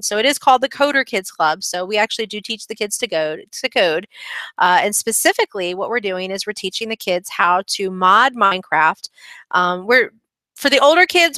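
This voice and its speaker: Bright, crisp-voiced woman explaining casually. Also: mid-range voice, no room sound, low-quality recording. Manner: chatty and upbeat, with frequent ums. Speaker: kids' coding club instructor. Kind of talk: screen-recording tutorial walkthrough.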